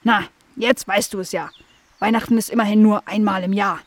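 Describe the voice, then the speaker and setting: A calm helpful beaver guy, as a woman puts him on. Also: medium pitch, fairly quick, natural voice.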